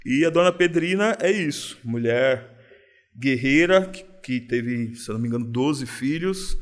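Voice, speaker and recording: Relaxed São man, slang-heavy. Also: mid-range voice, unhurried. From São Paulo, Brazil. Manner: relaxed, reflective, uses street slang. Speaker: guest. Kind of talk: casual interview.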